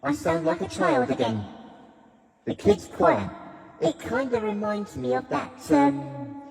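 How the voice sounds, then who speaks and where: A man speaking through a pitched-up kids choir harmony effect, commenting on how it sounds. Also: wildly swooping pitch, slow pace, vocal fry. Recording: reverb-heavy mic through keyboard.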